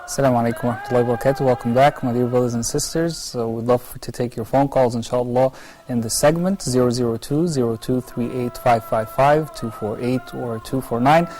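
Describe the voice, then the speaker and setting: Man, live call-in host, quick talker, mellow tone. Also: mid-range voice, rough recording. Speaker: live show host taking calls. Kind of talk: live broadcast talk show.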